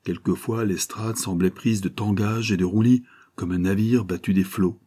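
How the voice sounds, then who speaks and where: A man narrates a classic novel in a measured, literary style. His voice is low and dark, with a husky edge. He reads steadily, as an audiobook narrator. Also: steady tone.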